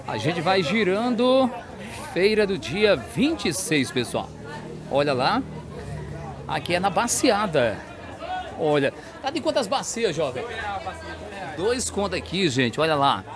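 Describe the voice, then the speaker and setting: A man's voice: sits high, sing-song, slow pace, long pauses, a crowd in the background. A man with a Northeastern Brazilian accent hosting a walking vlog through an outdoor street market, chatty and asking vendors their prices. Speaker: market vlogger host. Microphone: handheld mic.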